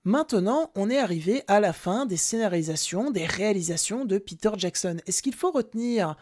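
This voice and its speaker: A woman's voice: medium pitch, lively intonation, brisk, a little mellow, faint music behind. A young woman hosting a film podcast, talking casually with self-mocking jokes and asides. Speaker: podcast host.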